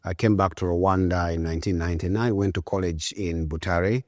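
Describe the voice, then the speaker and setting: Deep-voiced man in his 40s from Uganda, relaxed and reflective, dry close mic. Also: fairly quick, no echo. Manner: relaxed, thoughtful, with frequent fillers. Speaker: guest entrepreneur. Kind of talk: conversational interview.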